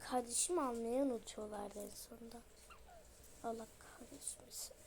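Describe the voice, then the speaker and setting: A woman's voice: fairly high pitch, moderate pace, gravelly, a little mellow, a little hiss or hum. A woman voicing an exasperated, scolding mother in a toy role-play story.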